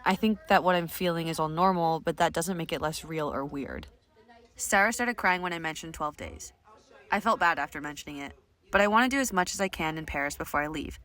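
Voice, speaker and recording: A woman with a somewhat low voice reads her diary entries aloud. She sounds candid and plain-spoken, like someone talking frankly to herself. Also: brisk, a bit bright. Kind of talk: reading personal journal entries aloud.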